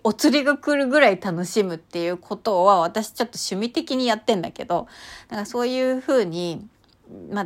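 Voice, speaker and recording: A woman talking casually and chattily about her walks and inner experiences, with many fillers and sudden excited outbursts. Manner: chatty, animated, bursts into high excited exclamations; many fillers, lots of sentence-final さ. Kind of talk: casual spiritual chat.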